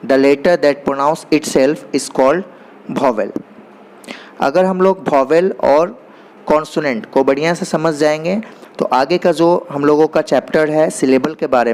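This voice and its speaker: A man teaching basic grammar, explaining in Hindi and reading definitions slowly and deliberately. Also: on the high side, a little mellow. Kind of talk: explanatory lesson.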